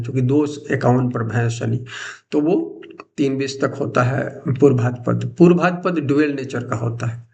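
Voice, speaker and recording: A middle-aged man talks through an astrology lesson in a loose, informal teaching manner, sometimes breaking off and restarting a word. His voice has a gravelly, creaky grain at a mid pitch. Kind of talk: explanatory astrology lecture.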